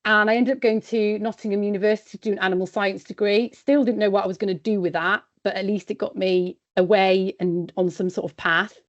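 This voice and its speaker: A woman in her forties talks easily and practically, as if chatting across a kitchen table. Her voice sits at an ordinary middle pitch. The recording is somewhat dull and lo-fi. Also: steady tone, brisk, hardly any pauses. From West Wales. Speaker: independent sheep consultant. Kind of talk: podcast interview. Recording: dull, lo-fi sound.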